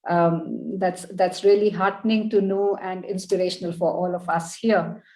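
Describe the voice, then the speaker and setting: A woman's voice: lowish voice, steady tone, normal speed, darkish tone. A woman moderating a conference panel in a polite, formal manner. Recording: echoey room on video call.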